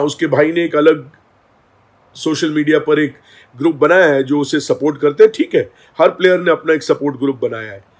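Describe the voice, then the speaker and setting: A man hosting a commentary vlog, talking in an animated, gossipy, opinionated way. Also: on the high side. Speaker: host.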